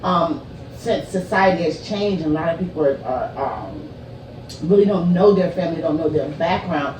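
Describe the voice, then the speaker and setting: Echoey, low-voiced woman. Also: normal speed, a little mellow. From southern United States, rural. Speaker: panelist. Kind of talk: casual panel talk. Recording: echoey room, distant mic, clear noise.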